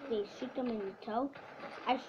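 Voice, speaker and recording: A woman's voice: fairly high pitch, fairly even intonation, brisk. A woman playfully taunting her friend during a video game. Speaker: gamer. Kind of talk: casual chat while gaming. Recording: lo-fi with faint noise.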